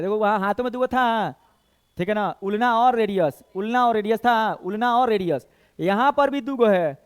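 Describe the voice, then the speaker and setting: Lecturing a competitive-exam class, a male teacher counts bones aloud and asks questions that he then answers himself. He has a Bhojpuri-tinged Hindi accent and a high, clean voice.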